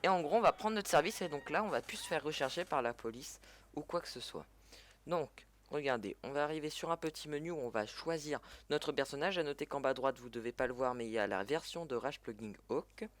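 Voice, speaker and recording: A man's voice: a little high, fairly quick, fairly bright tone, no room sound. A man giving a casual, chatty gameplay tutorial in French, often correcting himself as he goes. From French-speaking. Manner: chatty, self-correcting, fillers. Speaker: gaming tutorial creator.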